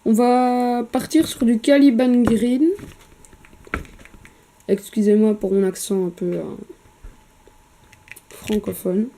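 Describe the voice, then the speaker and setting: A woman's voice: mid-range voice, unhurried, pauses often, dark tone, slight background noise. A woman chatting casually while painting a miniature at home, hesitant with many fillers and casual swearing, recorded on a camera mic.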